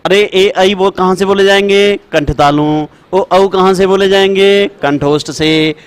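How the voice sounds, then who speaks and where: A man teaching Sanskrit to students, repeating rules slowly for dictation and calling his students brother and child. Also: high-pitched, clean tone. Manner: repetitive, chanting rules for dictation. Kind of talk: classroom lecture.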